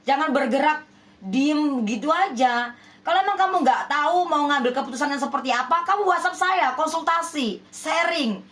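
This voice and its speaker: A woman's voice: high-pitched, normal speed, a bit bright. A woman healer addressing her viewers in a relationship reading, emphatic and persuasive, with many rhetorical questions. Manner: scolding, persuasive. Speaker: spiritual healer giving love readings.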